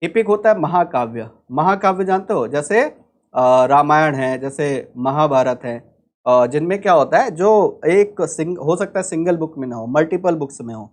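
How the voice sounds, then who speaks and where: Indian man teaching in lively lecture. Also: fairly high pitch, normal speed. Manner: explaining step by step, asking rhetorical questions. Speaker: English teacher for exam prep. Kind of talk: online lecture.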